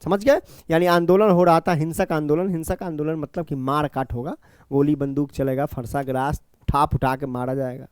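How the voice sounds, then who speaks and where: A man's voice: fairly high pitch, steady tone, moderate pace, clean tone, dry recording, clean studio sound. A man teaching a class. He explains each point by repeating it and answers his own questions. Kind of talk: classroom lecture.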